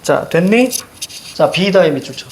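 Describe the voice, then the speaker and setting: A middle-aged man teaching a reading lesson, emphatic and constantly quizzing his students with quick check-in questions. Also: high-pitched, animated, a little hiss or hum.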